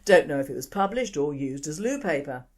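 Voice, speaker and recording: A woman with a posh English accent presents a news podcast in a notably low voice. She reads steadily from a script and drops in dry, wry asides as she goes. Her delivery is measured commentary rather than casual chat. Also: big pitch swings, darkish tone. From England.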